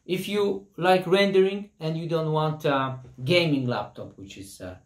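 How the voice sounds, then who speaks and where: This tech reviewer, a man in his thirties whose first language isn't English, talks about a laptop casually in simple, hesitant English and says sorry for how he speaks. His voice is on the high side, and the laptop's built-in mic and camera pick up a roomy sound from his hot home room, with buzzing construction noise from a site nearby.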